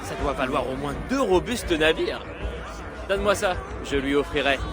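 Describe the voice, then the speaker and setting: A man's voice: on the high side, lively intonation, moderate pace, lightly acted. A man playing a cheeky, teasing Viking boy in a video game, speaking casually. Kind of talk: French video game voice acting. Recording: loud music and crowd behind voice.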